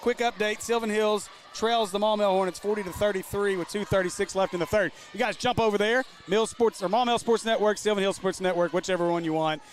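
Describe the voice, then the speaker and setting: High-voiced man calling basketball play-by-play. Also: slight background noise. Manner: quick, running call of the action. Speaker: play-by-play commentator. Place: basketball gym.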